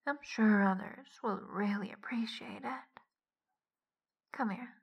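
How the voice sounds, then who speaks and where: A woman giving a whispered audio roleplay in a soft, teasing whisper as the dominant partner. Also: mid-range voice, slow pace, creaky, breathy edge, dull audio.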